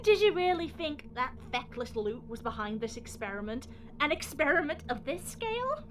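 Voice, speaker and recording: A woman's voice: sits high, sing-song, normal speed. A woman playing a scornful, theatrical renegade alien scientist villainess in a sci-fi audio drama, mocking and melodramatic, drawing out her taunts.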